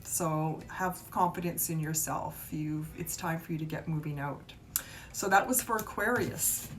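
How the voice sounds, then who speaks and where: A woman's voice: a little slow, a bit bright. A woman gives a casual, encouraging live tarot reading, chatting informally with viewers in a meandering way. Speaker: tarot reader and reiki healer hosting a live stream. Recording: live stream with clear rumbling noise.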